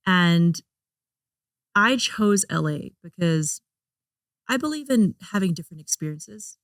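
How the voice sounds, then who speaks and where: Interview guest, woman, lower than average pitch, chatty with plenty of fillers, close and dry. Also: expressive, unhurried, no room sound. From Hong Kong. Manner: chatty, laughs often, frequent fillers and restarts. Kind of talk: casual interview chat.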